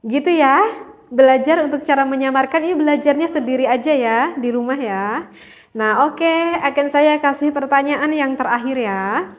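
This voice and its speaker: A woman's voice: high-pitched, moderate pace. A woman teaching Quran recitation rules to learners at home, patiently demonstrating each sound by repeating it. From Indonesia. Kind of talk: tajweed lesson for home learners.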